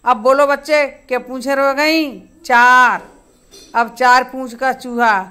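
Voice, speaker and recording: A woman telling a children's story slowly and simply, stopping to ask the kids to count. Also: high voice, steady tone, pushed and bright, smooth.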